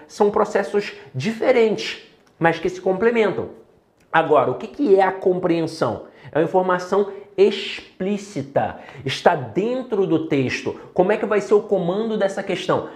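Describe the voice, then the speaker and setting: Brazilian male teacher, upbeat and direct, higher voice, roomy echoey sound. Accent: Brazilian Portuguese. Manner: lively, talks straight to students with rhetorical questions. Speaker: Portuguese teacher for exam prep. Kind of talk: exam-prep video lesson. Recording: echoey room.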